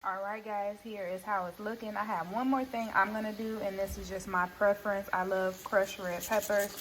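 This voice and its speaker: A woman's voice: mid-range voice, fairly even intonation, normal speed, a bit bright. Chatty lady vlogging from her kitchen, talks right to the viewers, plain mid voice, faint hum behind. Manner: chatty, talks straight to viewers as "guys" and "y'all". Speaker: cooking vlogger. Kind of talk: casual cooking vlog. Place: home kitchen.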